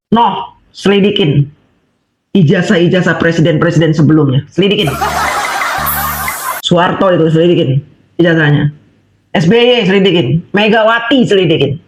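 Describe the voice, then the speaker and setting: A woman's voice: mid-range voice, lo-fi sound. Scolding, mocking woman vlogger. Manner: scolding and mocking, laughing at her target. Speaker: political vlogger. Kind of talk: angry monologue rant. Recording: echoey room with clear background noise.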